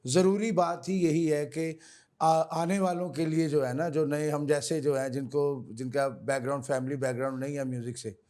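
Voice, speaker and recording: A man's voice: fairly high pitch, steady tone, moderate pace, mellow. A male singer from Pakistan, answering interview questions earnestly and respectfully, often calling the host sir. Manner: earnest, repeats honorifics, addresses host as sir. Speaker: singer, guest.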